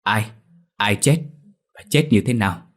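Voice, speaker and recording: A man voicing a stern, gruff old male village elder in a storybook horror tale. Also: deep voice, quick pace. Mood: grave. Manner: gruff, commanding.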